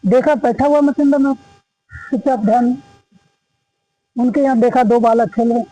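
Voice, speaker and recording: High-voiced man telling a folk legend. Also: fairly even intonation, moderate pace, dark tone, rough recording. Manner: folksy, repetitive, acts out quoted dialogue. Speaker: storyteller of a religious legend. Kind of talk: casual oral storytelling. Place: ashram gathering.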